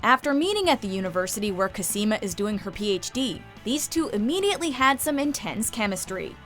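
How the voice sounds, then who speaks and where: A woman's voice: mid-range voice, big pitch swings, brisk, a bit bright, soft background music. A woman reading scripted narration as the narrator of a countdown video.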